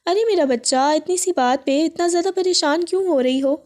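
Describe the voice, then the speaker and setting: A woman reading a gentle, soothing older aunt. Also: high-pitched, natural voice. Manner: soothing, reassuring.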